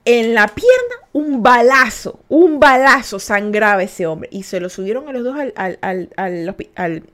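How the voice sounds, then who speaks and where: A young woman from Ecuador, hosting a podcast and telling a story to listeners in a casual, animated way. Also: on the high side, unhurried. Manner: animated, acts out voices and laughs while telling. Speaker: podcast host.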